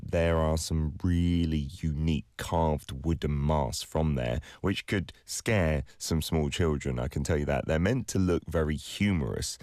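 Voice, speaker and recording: Speaking in an extremely low, slightly mellow voice, this radio host is a native Korean speaker who reads scripted entertainment news. Between items he chats casually and easily, dropping in fillers. The recording is clean studio audio without echo.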